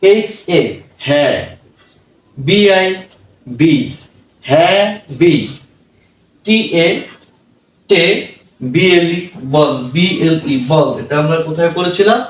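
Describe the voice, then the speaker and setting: A man teaching English pronunciation, spelling words out letter by letter and repeating each syllable slowly. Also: a little high. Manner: slow, deliberate, repeats syllables. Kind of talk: classroom-style lesson, spelling out words letter by letter. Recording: echoey room, voice from a distance.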